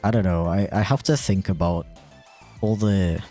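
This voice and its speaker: A man's voice: low voice, moderate pace, mellow, faint music behind. A man streaming while he animates, chatting casually and rambling with a self-deprecating tone and lots of fillers. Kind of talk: casual livestream chat.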